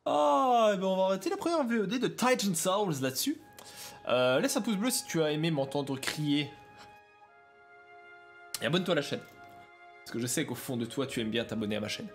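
A young man narrating his own gameplay in a loose, casual way. He talks in a fairly high voice that leaps up and down, breaking into shouts and yelps whenever the game goes wrong. Soft game music plays underneath. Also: animated, a little fast, pauses often. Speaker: let's play streamer. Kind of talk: casual gaming commentary.

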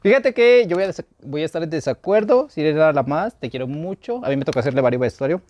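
A young man with a Mexican accent chatting campily about a drag show, gossipy and expressive. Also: fairly high pitch, fast, no echo. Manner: campy, gossipy, expressive with big laughs. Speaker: drag reality show panelist. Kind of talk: casual chat.

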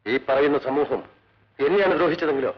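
A man's voice: fairly high pitch, a little fast, lightly acted. An actor playing a defiant, bitter male prisoner. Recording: dull old film soundtrack.

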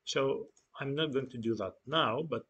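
A young man calmly walking through a software tutorial step by step, with frequent fillers and restarts. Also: mid-range voice, slightly rough, muffled recording. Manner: unhurried, explaining step by step with many fillers and restarts. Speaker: data engineering tutor. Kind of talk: screen-share tutorial walkthrough.

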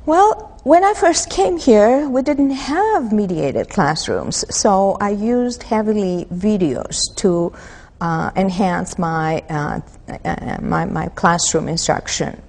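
Greek-born woman in her fifties, mid-pitched, measured and pausing; lapel mic, hall reverb. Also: lively intonation, a little mellow. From Greece. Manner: thoughtful, many pauses and fillers. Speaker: mythology instructor. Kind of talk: interview answers. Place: empty auditorium.

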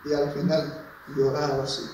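A male pastor preaching a passionate sermon, swinging from quiet asides to shouted peaks. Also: fairly high pitch, monotone, normal speed. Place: church hall. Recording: very echoey church hall, mic far off, faint noise.

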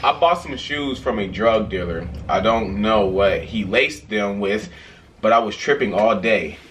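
A man's voice: fairly low pitch, a little slow, a bit bright. A young man chatting casually and telling joking stories in a slangy, rambling, giggly way, recorded in a home room. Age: young adult. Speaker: challenge video host. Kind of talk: casual joking chat and storytelling. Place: small bedroom, indoors.

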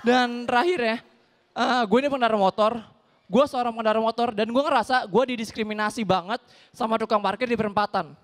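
A young man performs stand-up in casual slang, with a very high, light voice. He talks with lively energy and jumps into shouted impressions of quarrelling people. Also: quick pace. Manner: animated, acts out shouting brawlers. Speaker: stand-up comedian. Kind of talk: stand-up comedy set.

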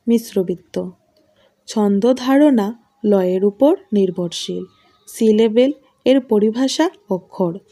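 A woman teacher reads study notes aloud, point by point. She speaks very slowly and deliberately, and her voice is soft and mellow. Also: medium pitch. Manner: slow, measured dictation of points. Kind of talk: reading out exam study notes.

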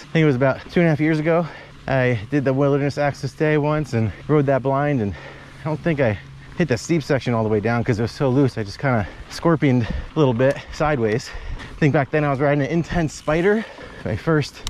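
A man's voice: a little high, brisk, a little mellow, a little hiss or hum. A man in his thirties chatting and joking while riding mountain bike trails outdoors, recorded on an action camera. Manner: chatty, joking, rambling asides.

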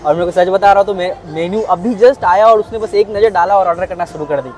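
Young man, food vlogger, high voice, rapid talk, lapel mic, open-air rooftop, faint music behind. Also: darkish tone, poor audio. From India. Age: young adult. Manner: says "theek hai" after nearly every sentence. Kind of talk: casual food vlog. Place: outdoor rooftop cafe. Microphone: clip-on lapel mic.

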